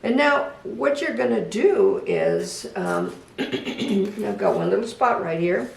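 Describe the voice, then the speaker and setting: Gravelly creaky voice, gentle unhurried craft instructor, casual demonstration, echoey room, mic far off. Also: medium pitch, very animated. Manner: gentle, unhurried, talks to the project. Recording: echoey room, voice from a distance, faint background hum.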